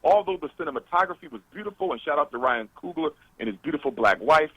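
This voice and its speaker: A man's voice: a little high, expressive, quick pace, fairly bright tone, slightly rough, no room sound, dull audio. A man calling in as a guest to a radio talk show, lecturing emphatically over a call-in line.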